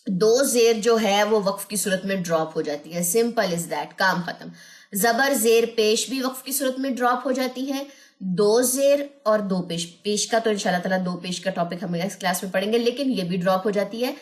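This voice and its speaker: A woman teaching Quran recitation online, drilling syllables slowly and repeating each one, with quick asides in between. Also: medium pitch.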